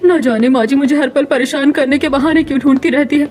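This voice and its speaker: A woman voicing a meek, mistreated young village wife in a cartoon story, gentle and pleading. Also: high-pitched, steady tone, fairly quick, close to an everyday voice.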